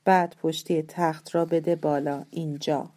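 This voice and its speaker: A woman voicing a sick, bedridden man who gives curt, low-key instructions in a storybook reading. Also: level tone, mellow. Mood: instructing.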